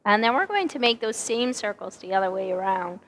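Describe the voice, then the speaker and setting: A woman with a hoarse, partly lost voice leading a Pilates class, calmly cueing each breath and movement. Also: medium pitch, a little fast, big-room sound. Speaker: Pilates instructor. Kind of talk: guided exercise instruction. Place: exercise studio.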